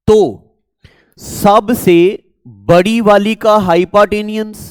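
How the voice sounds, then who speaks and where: A man with a high, darkish voice and a Kashmiri accent, from Jammu and Kashmir, India, teaches maths as a classroom lecture. He is repetitive and coaxing, quizzing his viewers again and again, and there's no room sound.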